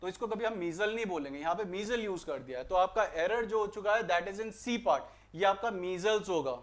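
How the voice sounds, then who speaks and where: A man's voice: sits high, normal speed. A young man with an Indian accent teaching an online grammar lesson, mixing English into Hindi and firing rhetorical questions at students before answering them. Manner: mixes English phrases into Hindi explanations.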